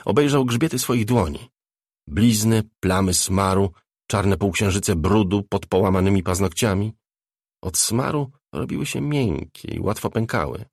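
Low, gravelly male audiobook narrator. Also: measured pace, no room sound, studio quality. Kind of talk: scripted narration.

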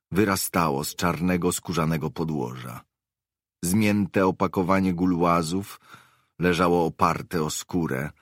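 Deep-voiced male audiobook narrator. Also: no room sound, clean studio sound. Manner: measured, calm, deliberate.

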